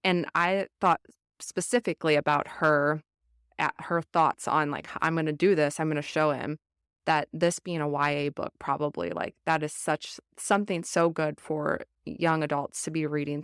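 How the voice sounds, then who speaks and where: A woman's voice: low voice, level tone, normal speed, a bit bright, clean tone, no room sound, studio quality. A young woman with a Southern American accent talking earnestly and reflectively about a book, with many fillers. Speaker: book club podcast host. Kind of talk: casual book discussion.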